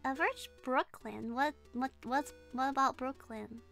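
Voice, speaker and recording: A young virtual streamer with a non-native English accent plays a horror game over game music, reading chat and commenting live, shrieking and giggling when startled. Her high-pitched voice is gravelly and a bit bright, with a measured pace.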